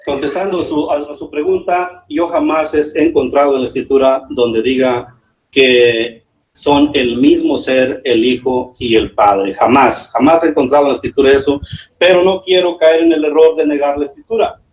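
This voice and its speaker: A man, a pastor, arguing in a debate, hesitant with many fillers and sudden jumps in pitch. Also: fairly even intonation, normal speed, dull audio, slight background noise. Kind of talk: spontaneous debate argument. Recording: echoey room.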